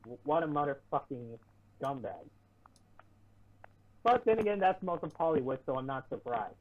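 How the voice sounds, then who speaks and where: A man's voice: mid-range voice, sing-song, moderate pace. A man reading an article aloud on an online talk show, adding sarcastic asides and often stumbling and restarting. He sounds muffled, as if heard through a wall. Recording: muffled, distant, lo-fi mic with popping and faint hiss.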